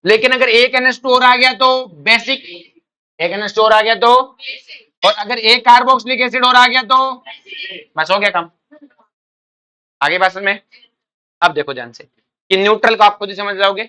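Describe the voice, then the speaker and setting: This chemistry teacher's voice sits high and comes out pushed and bright, clear and resonant, at a measured pace with long pauses. His coaching lecture runs on call-and-response: he quizzes exam students, calls them "beta," and repeats what they answer.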